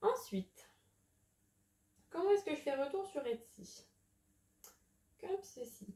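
A woman's voice: high-pitched, sing-song, slow, dark tone. A woman talking casually about crochet patterns, chatty and often hesitating with fillers. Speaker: crochet YouTuber. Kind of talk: casual chat. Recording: echoey room.

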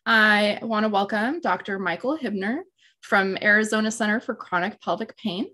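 A woman's voice: medium pitch, moderate pace, sharp tone. A young woman who runs a support group, politely welcoming a guest and asking questions on a video call. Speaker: group admin, interviewer. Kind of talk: live video interview. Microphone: webcam on a video call.

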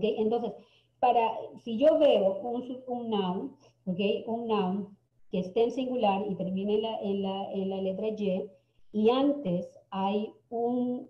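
Slow, deliberate woman teacher in an echoey room. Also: mid-range voice. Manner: repeats words slowly, checks in with frequent "ok?". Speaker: English teacher. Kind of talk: classroom lesson. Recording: echoey, dull lo-fi recording.

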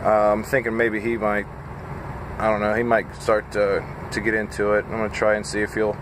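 A man's voice: fairly low pitch, completely flat delivery, noisy background. Tired trucker rambling in his cab. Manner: rambling, halting, with frequent fillers. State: tired and a little scattered. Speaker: truck driver vlogger. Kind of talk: casual vlog chat. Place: parked truck cab at night. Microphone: phone camera at arm's length.

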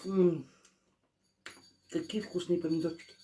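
A woman's voice: on the low side, level tone, measured pace, mellow, a little hiss or hum. A woman vlogger chatting casually while eating, her mouth full of pizza. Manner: chatty, joking, talks while chewing. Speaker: mukbang vlogger.

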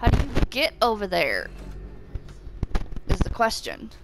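A woman's voice: mid-range voice, wildly swooping pitch, a little slow, gravelly, noisy background. A young adult woman giving casual, self-mocking commentary while playing a game at home, swearing often and joking sarcastically. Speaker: gamer playing a horror game. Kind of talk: casual let's play commentary. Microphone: desk microphone.

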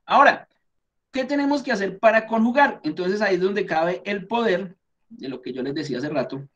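A Colombian man with a fairly high-pitched voice, teaching a class. He explains each point patiently and step by step, and keeps checking that his students are following. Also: lively intonation, normal speed, fairly bright tone, muffled recording. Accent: Colombian Spanish.

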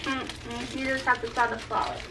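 A woman's voice: on the high side, level tone, fairly quick. A young woman hosting a casual, playful challenge, her words slurred and lisping with lips held stretched open by a mouth guard. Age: young adult. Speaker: host of a challenge video. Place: indoors, small room against a fabric backdrop. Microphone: camera a few steps away. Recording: distant camera mic, faint room noise.

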